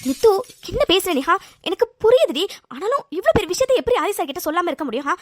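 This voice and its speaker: A woman's voice: very high voice, big pitch swings, fast talker, slight background noise. A woman voicing a loyal young woman friend in a cartoon, emphatic and coaxing. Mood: protective. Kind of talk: cartoon voice acting.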